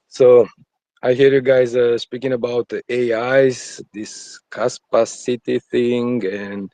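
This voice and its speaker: A man's voice: mid-range voice, warm tone, dry recording. A man, around his forties, with an Eastern European accent, chatting casually and informally as a guest caller on his phone outdoors. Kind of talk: casual live audio chat. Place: outdoors on a terrace at night.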